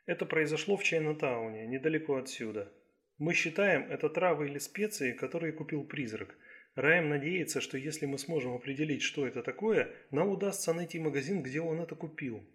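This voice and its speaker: A man reading the lines of a tired young female police detective in an audiobook, quiet and subdued. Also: a little high, fairly quick, natural voice.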